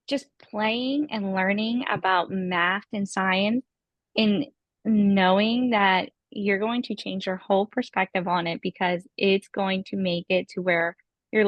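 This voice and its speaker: Excitable young woman, muffled remote audio. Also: medium pitch, no room sound. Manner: excitable, acts out quoted dialogue with lots of "like". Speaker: podcast guest, former program participant. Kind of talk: casual interview storytelling.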